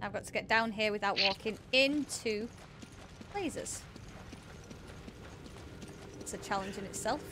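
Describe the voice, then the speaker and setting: A woman's voice: mid-range voice, unhurried, pauses often, noisy background. A woman streaming a game live, chatting and thanking viewers, shrieking when scared. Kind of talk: live gameplay chat.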